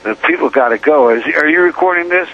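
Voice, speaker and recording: An older man, an inmate, rambles on a prison payphone call, repeating words like a chant and laughing while he speaks. He talks fast in a slightly high voice. The line is muffled, with a faint hiss.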